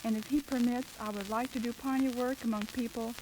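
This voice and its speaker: A young woman from Russia, a Bible school student, speaking earnestly in formal, measured sentences during a radio interview. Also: on the high side, fairly even intonation. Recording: noisy old radio recording.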